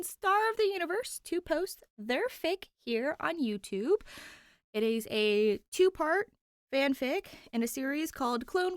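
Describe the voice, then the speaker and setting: Positioned close to the microphone with no room sound, a woman with a high-pitched, slightly bright voice hosts a fan fiction podcast. She chats casually as host at first, then narrates the story like an audiobook.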